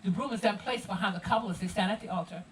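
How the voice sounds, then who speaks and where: A woman with a Gullah Geechee Low Country accent giving an animated, rhythmic heritage presentation to visitors, leading call-and-response. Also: very fast, far from the mic, slight background noise, poor audio. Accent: Gullah Geechee, South Carolina Low Country. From coastal South Carolina. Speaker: cultural presenter.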